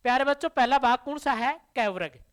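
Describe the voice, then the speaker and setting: A woman's voice: sits high, expressive, brisk. A woman teaching a classroom grammar lesson, asking the class questions and answering them herself to drill the terms. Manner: addresses listeners as dear children.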